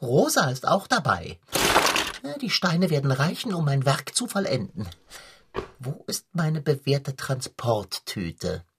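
A woman's voice: very deep voice, very animated, slow, a little hiss or hum, exaggerated voice. A woman voicing a plump, scheming male tomcat who talks in theatrical, old-fashioned phrases and turns wheedling and mock-innocent. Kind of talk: children's radio play acting.

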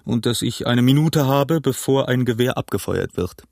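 A man voicing a jovial, cunning one-legged pirate leader, talking in a smooth, mock-polite way in an audiobook. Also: mid-range voice, normal speed, darkish tone, no room sound, studio quality. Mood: wheedling. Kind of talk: audiobook character voice.

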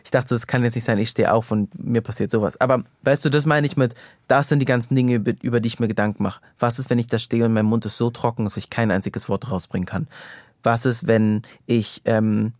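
A man's voice: medium pitch, fairly even intonation, a little fast, darkish tone, no room sound, studio quality. A man chatting as a podcast guest, candid and rambling, with frequent fillers and restarts. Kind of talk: casual podcast conversation.

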